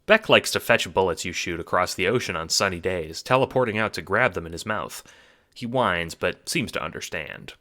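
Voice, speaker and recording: Over background music, a man with a low, animated voice speaks at a moderate pace with a bright, forceful tone. Acting as narrator and producer, he dramatically tells a scripted story addressed to "you."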